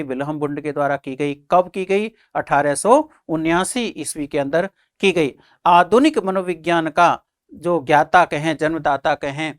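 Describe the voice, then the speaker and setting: A man's voice: a little high, no echo, studio quality. A male teacher giving an exam-prep lecture, who keeps posing questions and answering them himself, repeating the key points and calling his listeners friends and children.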